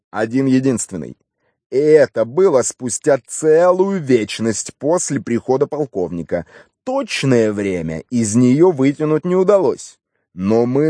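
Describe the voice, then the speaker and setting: A brash middle-aged police inspector, as a male audiobook reader puts him on, pitched high above his usual voice and pushing hard. He talks quickly and emphatically, with big swings in tone. The recording is dry and close. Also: darkish tone, dry recording. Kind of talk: audiobook character voice.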